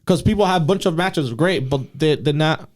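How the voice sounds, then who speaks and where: A man co-hosting a podcast in casual chat, opinionated and quick in the back-and-forth. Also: on the high side, a little mellow. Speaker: podcast co-host.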